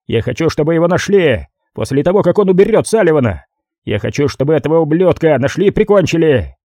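A man voicing a furious male crime boss who shouts threats down a phone in an audiobook. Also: a little high, expressive, fast talker, no room sound, studio quality, pitched above the performer's own voice. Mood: enraged.

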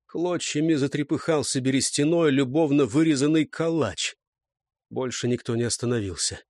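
A man's voice: mid-range voice, normal speed, darkish tone, no room sound, clean studio sound. A man narrating an audiobook in a dramatic, vivid reading style.

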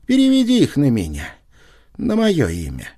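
Man doing a smooth, evasive schemer. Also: on the high side, wildly swooping pitch, moderate pace, mellow, pitched above the performer's own voice. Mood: wheedling. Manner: wheedling, evasive, easily offended.

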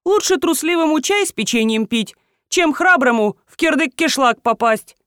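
A woman's voice: sits high, animated, normal speed, fairly bright tone, no room sound, clean studio sound, voice pushed up. A woman doing a grumbling cowardly old husband. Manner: grumbling, whining.

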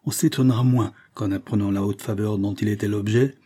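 A man reading a historical novel aloud as scripted narration, measured, lifting his voice for the characters' lines. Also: fairly even intonation, mellow, husky. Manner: measured reading, raising pitch and volume for dialogue. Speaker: audiobook reader.

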